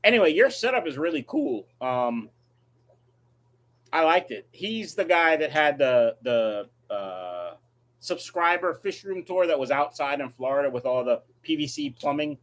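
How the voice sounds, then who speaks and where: A man's voice: on the high side, animated, a little slow. A man hosting a casual livestream, reading viewer questions and answering them in a blunt, offhand way. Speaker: livestream host, aquarium fish breeder.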